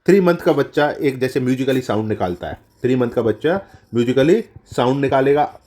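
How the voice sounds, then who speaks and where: A male tutor gives an exam-prep lecture to nursing students. He mixes English terms into his explanation, repeats each key answer and corrects himself mid-sentence. His voice sits at an ordinary middle pitch. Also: lively intonation, fairly quick, darkish tone. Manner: addresses students as children.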